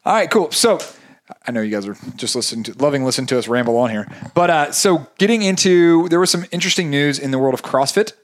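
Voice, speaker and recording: A man's voice: fairly high pitch, lively intonation, quick pace. A man co-hosting a casual podcast, rambling and joking as he talks. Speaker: podcast co-host.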